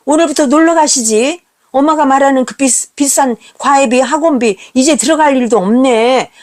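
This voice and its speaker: A woman's voice: a little high, a little mellow, natural voice. A woman voicing an angry, contemptuous teenage son who talks with a sneering, accusing voice.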